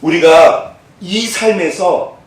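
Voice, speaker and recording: A man's voice: high-pitched, extremely slow, heavy reverb, far from the mic, poor audio. A male pastor preaching a sermon, asking the congregation questions and answering them himself.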